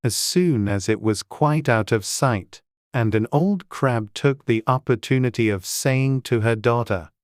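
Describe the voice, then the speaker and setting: A woman's voice: extremely low pitch, unhurried, a little mellow, dry recording, clean studio sound. A woman narrating a classic storybook in a dramatized audiobook reading.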